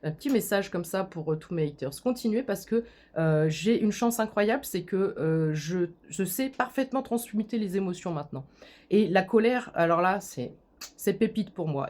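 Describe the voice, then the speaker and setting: A woman's voice: medium pitch, a little mellow. A woman YouTuber in a casual vlog, reading hater comments aloud and answering them sarcastically, with many hesitant fillers. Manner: sarcastic, talks straight to critics with hesitant fillers.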